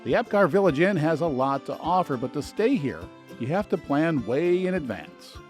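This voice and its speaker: A man's voice: fairly high pitch, big pitch swings, normal speed. A man narrating a travel video as a guide, scripted and informative, with dry, lightly sarcastic asides. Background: soft background music.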